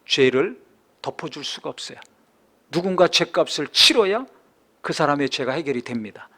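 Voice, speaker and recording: A man preaching a sermon as pastor, building from calm explanation to impassioned, near-shouted climaxes. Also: a little high.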